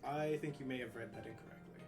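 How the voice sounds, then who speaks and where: Guy commenting on a game with friends, normal pitch, echoey, music behind. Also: quick pace. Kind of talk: casual let's-play chat.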